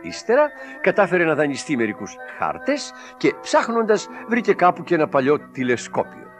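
Man, children's storybook reading, expressive, very animated delivery, slightly high voice. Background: background music.

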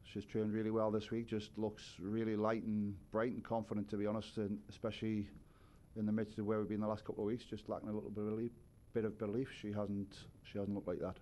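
A head coach in his forties answers thoughtfully after the game, sitting at a press conference table with a stand microphone. His voice is warm and on the low side, level in tone, with a quick pace.

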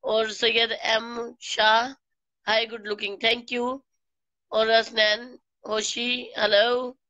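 A woman with a Pakistani Urdu accent, slightly hoarse from a flu, slowly greeting live stream viewers by name and teasing them. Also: fairly high pitch, level tone, bright, forceful tone, dry recording, highs cut off. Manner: slow, greets viewers by name, playful scolding. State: hoarse from a flu and sore throat.

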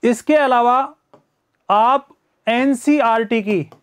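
A man's voice: very high-pitched, slow pace, a little hiss or hum. A man teaching a live online exam-prep lecture, talking in a chatty way, greeting viewers by name and acting out students' excuses. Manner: acts out students' excuses in first person.

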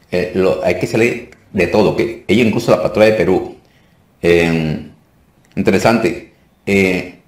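A man's voice: sits low, darkish tone, roomy sound. A man, a deliverance minister, giving an informal teaching talk for a course. He talks emphatically, repeats phrases for stress and keeps checking in with his listeners.

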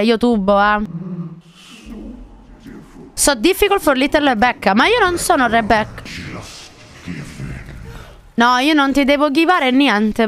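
A woman's voice: fairly high pitch, slight background noise. A young adult woman commenting live on a horror game, jumpy, screaming and swearing at the scares and chatting with her viewers. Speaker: streamer playing a horror game.

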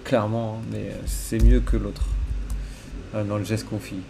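Male streamer, gravelly voice, casual and self-mocking while coding. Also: fairly low pitch, level tone, moderate pace, mellow, a little hiss or hum. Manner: mutters to himself, casual and self-deprecating. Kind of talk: live coding, thinking aloud. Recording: faint keyboard typing behind.

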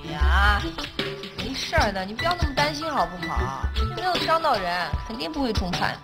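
An actress playing a brash young woman working at an inn in a sitcom, answering with blunt, quick retorts. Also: mid-range voice, big pitch swings, loud music behind the voice. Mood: reassuring. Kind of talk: sitcom acting.

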